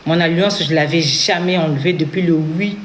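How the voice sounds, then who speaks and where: In this testimony, an interviewee from Congo tells her own story earnestly, voicing other people's words as she goes. She speaks in a low pitch at normal speed with a Congolese French accent, and there's a slight hiss or hum.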